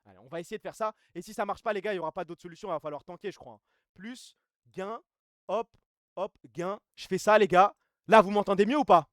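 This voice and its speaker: Fast-talking slangy streamer. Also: male voice, sits high, no echo, clean studio sound. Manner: fast, slangy, reacts to chat. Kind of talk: live stream chat, reading reviews and news. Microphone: streaming mic, gain adjusted mid-stream.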